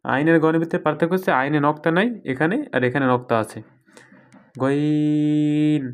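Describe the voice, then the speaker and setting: A man teaching a recorded lesson on reading the Quran, explaining patiently and drawing out each letter sound slowly as an example. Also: fairly high pitch.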